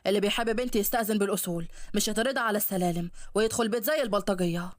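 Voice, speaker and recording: A woman voicing a stern, gruff father defending his daughter, with an Egyptian accent. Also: mid-range voice, very fast, pitched below the performer's own voice, natural voice. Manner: gruff and scolding. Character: stern protective older father.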